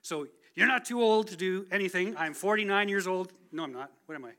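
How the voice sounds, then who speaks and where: A guest speaker in his forties delivers a relaxed, talkative sermon testimony from a church pulpit, making himself the butt of his own jokes. He sounds high-pitched and sharp and talks a little fast.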